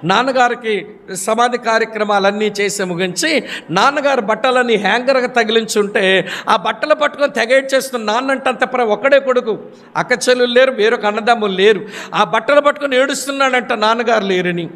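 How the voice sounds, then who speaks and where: High-voiced man preaching in a reverberant hall. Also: fairly quick. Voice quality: high-pitched, animated storytelling with acted quotes. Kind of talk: sermon with storytelling.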